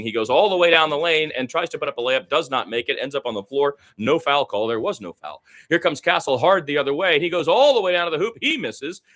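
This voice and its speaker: Calling basketball live in radio style, this man gets excitable during fast action and turns conversational between plays. His voice sits at a fairly high pitch.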